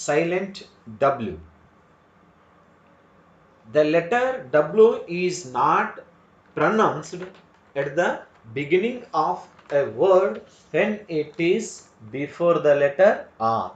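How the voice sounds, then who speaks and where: A man with a Kannada accent teaching English pronunciation, speaking slowly and repeating each word to drill it. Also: a little high, animated. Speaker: English tutor. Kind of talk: slow spoken English lesson. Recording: echoey room, dull lo-fi sound.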